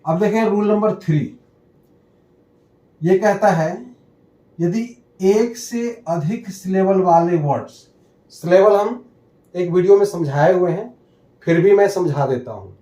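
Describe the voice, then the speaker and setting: A man teaching English pronunciation in a lesson, explaining rules deliberately and reading out word lists one by one. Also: sits high, mellow. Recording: echoey room.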